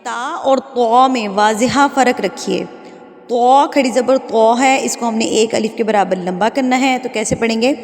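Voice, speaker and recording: A woman teaching a tajweed lesson online, patiently repeating each sound slowly and drawing it out for learners to copy. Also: a little high, big-room sound. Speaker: Quran recitation teacher.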